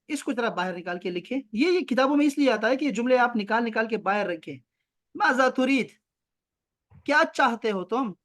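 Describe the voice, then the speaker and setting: High-voiced man teaching Arabic. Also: a bit bright. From Pakistan. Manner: slow drawn-out Arabic examples, brisk explanations; chiding, teasing students. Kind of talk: online class lecture. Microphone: video call.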